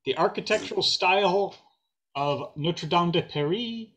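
A man hosting a trivia game over a video call. His voice sits a little high, and he reads the answers out slowly and steadily. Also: heavy background noise. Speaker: trivia quizmaster.

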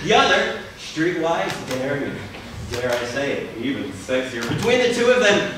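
A man's voice: fairly high pitch, normal speed. A man playing a despairing rooftop jumper. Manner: melodramatic, deadpan replies. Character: despairing young man threatening to jump off a roof. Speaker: stage actor. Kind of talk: live stage comedy sketch. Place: large indoor theater stage. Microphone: distant camera mic. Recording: echoey hall from far off, noisy.

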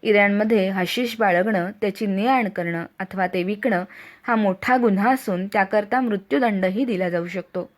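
A woman reading a first-person audiobook aloud with expressive, dramatic storytelling. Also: medium pitch, normal speed. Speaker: audiobook narrator.

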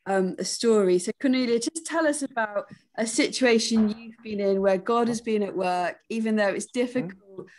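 A woman's voice: a little high, moderate pace, a little mellow. A middle-aged woman hosting an online workshop, speaking encouragingly with a few fillers over a video call from her living room. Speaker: workshop host. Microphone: laptop webcam on a video call.

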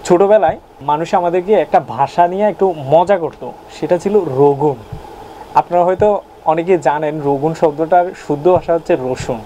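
A young man with a Chittagong Bengali accent chats in a playful vlog, his voice sitting a touch high. He teases the viewer with questions as he goes. A faint hum runs under the recording. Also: fairly quick, mellow, low-quality recording. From Chittagong region of Bangladesh. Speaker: YouTuber. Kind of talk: casual vlog about regional dialect words.

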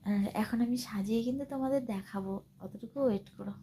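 A woman's voice: medium pitch, quick pace, mellow, slight background noise. A young woman chatting to her viewers as friends in a casual home vlog at night. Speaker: vlogger, mother.

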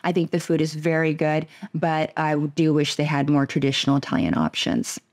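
A woman travel vlogger with a low voice chats casually with her husband at normal speed, rating restaurants and leading with upbeat questions.

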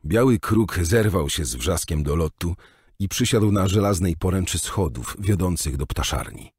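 Deep husky male audiobook narrator. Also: moderate pace, no room sound, studio quality. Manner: expressive storytelling with wide pitch. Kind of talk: scripted narration.

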